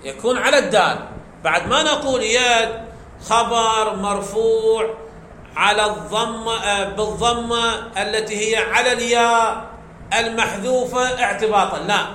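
A man's voice: high voice, moderate pace, bright, forceful tone. A man teaching a grammar lesson, explaining step by step and quizzing his class with questions he answers himself. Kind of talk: classroom lecture. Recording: echoey room, faint background noise.

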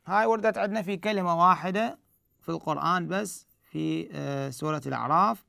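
A man walks learners through recitation rules one step at a time. His voice sits high with a gravelly edge, yet stays smooth and resonant, recorded dry and close. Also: brisk, sharp tone, no room sound. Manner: explains step by step, asks himself questions and answers them. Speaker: Quran recitation teacher. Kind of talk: tajweed lesson.

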